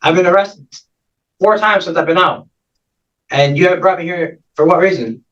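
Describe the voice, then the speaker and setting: A man's voice: high-pitched, moderate pace, fairly bright tone. A man, the defendant, answering in court in a hesitant, stammering and defensive way, heard muffled from far off. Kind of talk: courtroom exchange.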